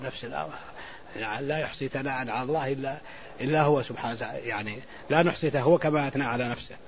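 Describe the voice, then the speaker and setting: A man teaching as a sheikh, giving a classical religious lesson and explaining slowly with repeated words and restarts. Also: medium pitch. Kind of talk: classical Islamic lesson commentary. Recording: muffled lo-fi recording with faint hiss.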